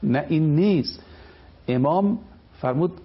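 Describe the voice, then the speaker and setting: A man's voice: on the high side, husky. Emphatic male cleric, lecturing on lo-fi audio. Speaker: cleric guest. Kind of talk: religious lecture on television.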